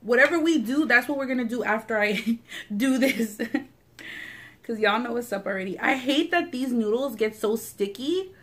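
A woman's voice: fairly high pitch, a bit bright. A young adult woman hosting an eating video, chatting casually to camera in an informal, slangy way with some swearing. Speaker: mukbang host. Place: small furnished living room, indoors.

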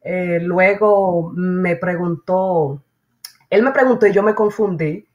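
Lively woman retelling a story. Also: fairly low pitch, slow pace, highs cut off. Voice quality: strong voice. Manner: lively, acts out dialogue and drops in English phrases. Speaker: interview guest. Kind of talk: casual storytelling.

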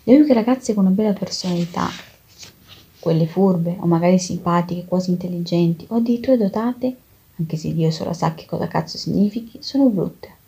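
A woman's voice: on the low side, brisk, creaky, dark tone, slightly rough, exaggerated voice. A woman reading the lines of a brash young male finance guy, crude and emphatic.

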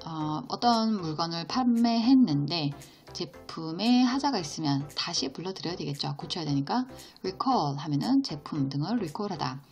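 A woman teaching an English vocabulary lesson, explaining each word slowly and patiently and asking her students questions along the way. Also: fairly low pitch, a little mellow. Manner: slow, patient explanation with question-and-answer prompts.

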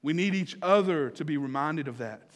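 A man preaches at a memorial service, his fairly high voice rising to loud exclamations and then dropping to hushed, slow emphasis. He puts direct questions to the congregation as he preaches. The sound carries the long reverb of a church hall. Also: animated. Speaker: pastor. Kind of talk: memorial service sermon and prayer. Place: church sanctuary.

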